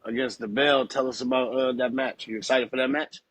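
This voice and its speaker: A man with a husky voice at a middling pitch hosts a casual interview. His talk is laid-back and full of slang, recorded dry and close with little room sound. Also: fairly even intonation, fairly quick, fairly bright tone, no echo. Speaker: podcast host interviewer. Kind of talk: casual chat.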